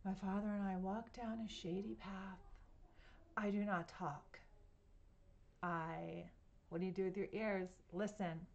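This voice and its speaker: Woman reading a picture book aloud at home, gentle and inviting, with pauses for questions to young listeners. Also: medium pitch, steady tone, highs cut off. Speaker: children's story reader.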